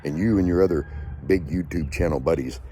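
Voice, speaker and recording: A man's voice: low voice, brisk, dark tone, a little hiss or hum. A man hosting his own channel, delivering an angry, profane rant with lots of repetition. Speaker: channel host.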